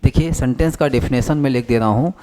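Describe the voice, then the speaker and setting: Warm in tone and medium in pitch, a man's voice leads a classroom lesson on basic English. He restates every point as a question and slowly reads out definitions as he writes them on the board.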